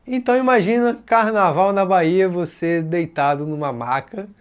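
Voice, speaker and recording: Smooth and high, his voice moves at a moderate pace as he, a carioca host from Rio de Janeiro, Brazil, shares a personal story with his channel's audience. The telling is relaxed and lively, and he slips into others' voices when quoting them.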